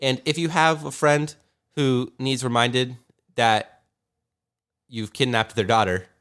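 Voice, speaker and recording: A man's voice: mid-range voice, fairly even intonation, slow pace, fairly bright tone, clear, resonant tone. A man hosting a podcast in casual comedic banter, rambling along in a joking, mock-serious way. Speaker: podcast host.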